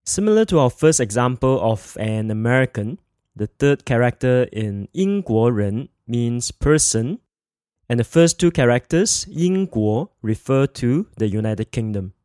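Guy teaching a podcast lesson, slow careful repeats, mid voice, dry close mic. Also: medium pitch, animated, dark tone, dry recording. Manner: slow, clear, repeats words for learners. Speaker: Mandarin teacher.

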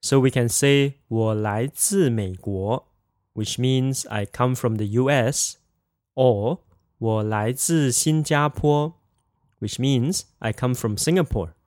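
A man teaching a language lesson in a clear, explanatory scripted narration, saying example phrases slowly. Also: mid-range voice, darkish tone, no room sound, studio quality.

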